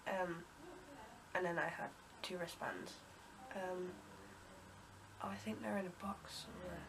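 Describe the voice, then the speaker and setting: In no rush, a young UK woman suffering from a cold talks casually to her camera, her stuffy voice staying flat. She keeps restarting, saying um, coughing and clearing her throat as the story meanders. A steady hiss is audible under the recording.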